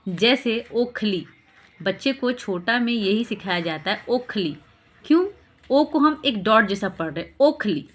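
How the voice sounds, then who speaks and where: A woman's voice: medium pitch, animated, measured pace. A woman teaching parents how to explain vowel signs, speaking patiently, repeating examples and checking in with rhetorical questions. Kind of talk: explanatory lesson.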